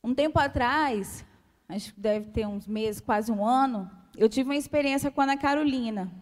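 Calm high-voiced woman preaching in a hall. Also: normal speed. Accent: Brazilian Portuguese. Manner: calm, soft-spoken. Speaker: church speaker. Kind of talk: testimony sermon. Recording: long hall reverb.

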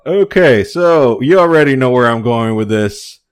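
A man's voice: mid-range voice, moderate pace, clean tone. A man hosting a casual wrestling podcast, ranting with lots of swearing and some words. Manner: profane, animated ranting. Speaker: podcast host.

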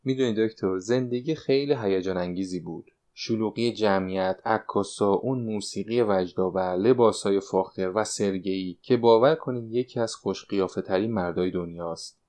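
A retired stage dancer in her late sixties confides her fears and longings in a fretful, wistful way, voiced by a man reading an audiobook. The voice stays fairly low. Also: warm tone, close to an everyday voice. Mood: confiding. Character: anxious 69-year-old woman, former stage dancer.

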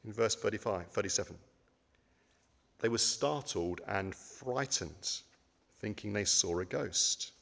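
A man's voice: lowish voice, animated, a little slow, vocal fry, long pauses, a bit bright, in a large hall. A man giving a conversational sermon, with frequent ums and rhetorical questions. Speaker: preacher.

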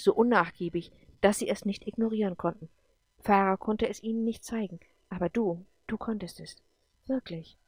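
A woman's voice: medium pitch, darkish tone, no room sound, lightly acted. Iliades, a woman voicing a serene guardian spirit.

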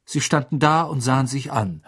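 A man reading a storybook aloud as narrator, with expressive storytelling. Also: mid-range voice, moderate pace, slightly rough. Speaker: audiobook reader. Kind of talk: scripted narration.

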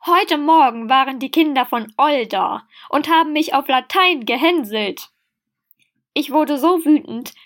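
A woman with a fairly high voice reads a story aloud in a dramatic way. She voices the quoted dialogue with raised, shouting delivery. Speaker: reader.

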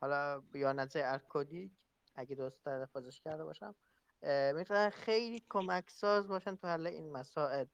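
Gravelly, smooth-voiced man; tentative participant, dry close sound. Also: on the high side, dry recording, muffled recording. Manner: hesitant, tentative phrasing. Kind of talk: casual discussion.

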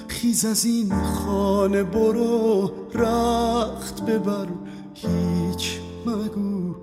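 A woman singing classical poetry in a slow, melodic style. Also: mid-range voice. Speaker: singer. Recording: loud music, echoing long reverb.

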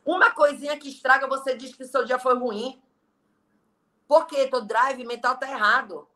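High bright-voiced blunt Brazilian woman. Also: fairly even intonation, normal speed. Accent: Brazilian Portuguese. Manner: blunt, emphatic, preachy. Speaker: guest, entrepreneur and online leader. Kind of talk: motivational interview talk.

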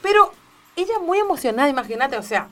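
A woman's voice: high-pitched, big pitch swings, fast talker, a loud crowd. A woman from Corrientes with an Argentine accent, telling a story in casual chat and acting out the quoted voices. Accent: Argentine Spanish.

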